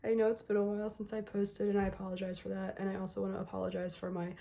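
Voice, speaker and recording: In this casual unboxing vlog, a young woman with a medium-pitched voice talks excitedly about a K-pop album. Her voice is scratchy and slightly worn because she's getting over an illness. She keeps things chatty and warm with her viewers, dropping many "um"s into her pauses.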